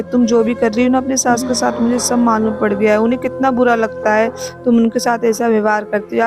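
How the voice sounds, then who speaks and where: A woman doing an older mother on the phone, steady and plain. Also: on the high side, lightly acted. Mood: lecturing. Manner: complaining, then calmly lecturing. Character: older mother faking distress to teach her daughter.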